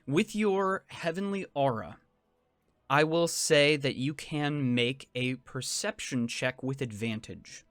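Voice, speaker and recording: A man narrating a tabletop fantasy game as game master, in measured, descriptive second-person storytelling. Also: medium pitch, fairly bright tone, no room sound. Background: faint music.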